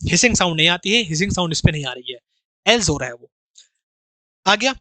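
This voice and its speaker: Bright, dry-voiced man teaching grammar. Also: high-pitched, big pitch swings, fairly quick, dry recording. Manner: explains through rhetorical questions and repetition; addresses students familiarly as brother, plays out their questions. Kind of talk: exam-prep grammar lesson.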